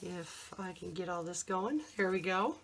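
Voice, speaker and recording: A middle-aged or older woman with a croaky, slightly hoarse voice, chatting casually and hesitantly as she shows a handmade craft project. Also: lowish voice, measured pace, slight background noise, rough recording. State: throat trouble, slightly hoarse. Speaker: crafter presenting a handmade journal. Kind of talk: casual show-and-tell vlog.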